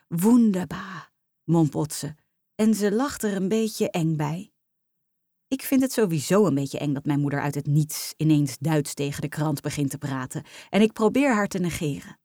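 A woman reading a children's story aloud in the first person, lively and expressive. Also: low voice, no room sound, clean studio sound.

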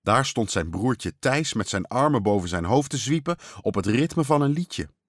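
A man narrating a children's storybook with an expressive, measured read-aloud delivery. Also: mid-range voice, no echo, clean studio sound. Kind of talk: storybook reading.

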